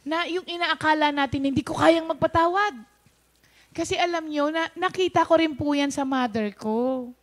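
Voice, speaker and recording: Woman host, high pitch, storytelling testimony, Taglish, acts out dialogue. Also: moderate pace. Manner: storytelling, mixes English into Tagalog, acts out quoted speech. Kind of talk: personal testimony told to viewers.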